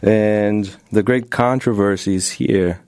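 Deep, mellow-voiced man from Brazil. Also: fairly even intonation, slow pace, clear, resonant tone, dry recording, studio quality. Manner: hesitant, with fillers. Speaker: doctoral student guest. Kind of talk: interview and spoken prayer.

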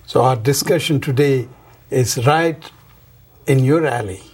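A man with a mid-range voice hosts a radio program, first reading a scripted opening and then talking with his guests. His delivery is measured and formal, with the odd restart. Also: mid-range voice, a little mellow, breathy edge. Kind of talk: scripted narration and interview.

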